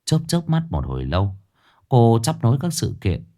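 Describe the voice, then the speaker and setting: A man narrating a ghost story with expressive, dramatic pacing. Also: medium pitch, moderate pace.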